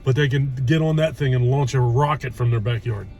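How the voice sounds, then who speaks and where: A man's voice: medium pitch, a little fast, a little mellow, faint music behind. A man in his early fifties chatting casually while eating, chewing as he talks, in a blunt, exasperated, ranting way. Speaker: host of food review vlog. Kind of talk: casual chat.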